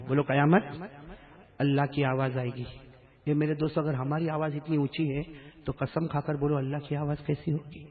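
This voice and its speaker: A male preacher giving a sermon to a live gathering, calling out for the crowd to repeat after him and chanting verses slowly, moving between hushed talk and loud calls. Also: a little high, phone-quality sound. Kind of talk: sermon with call-and-response.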